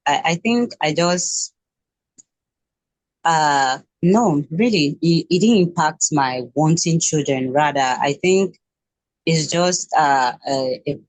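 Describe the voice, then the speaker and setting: A woman's voice: deep voice, dry recording. A Nigerian woman in her twenties speaking as an interview guest, hesitant, with frequent restarts and fillers. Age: 20s. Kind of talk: casual interview.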